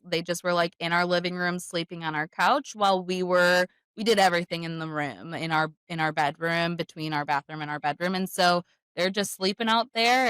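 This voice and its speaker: A young adult woman, a podcast guest, telling her story in a lively way, often acting out the voices of others. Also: fairly low pitch, clean tone, dry recording. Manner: lively, acts out quoted voices.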